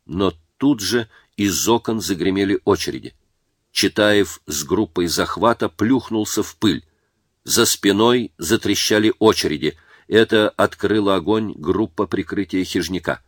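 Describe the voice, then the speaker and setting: A man narrating a war story in a measured, dramatic reading. His voice sits low, and the sound is dry and close with no room echo.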